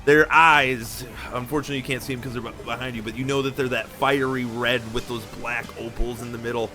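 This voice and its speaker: A man narrating a tabletop game as game master, relaxed and rambling. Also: mid-range voice, brisk, faint music behind.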